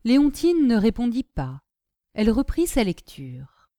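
A woman narrating an audiobook in an expressive storytelling manner. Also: fairly high pitch, a little slow, no echo, clean studio sound.

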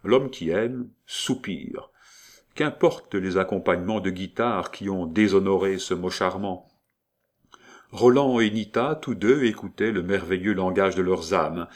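Man, low voice, measured declamatory narration, literary audiobook.

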